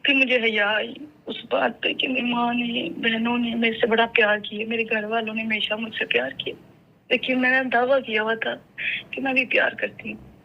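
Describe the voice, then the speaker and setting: A woman from Pakistan calling in on the phone to give a halting, earnest, self-reproaching testimony. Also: fairly high pitch, little pitch movement, creaky, dull audio. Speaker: caller giving testimony. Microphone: phone line.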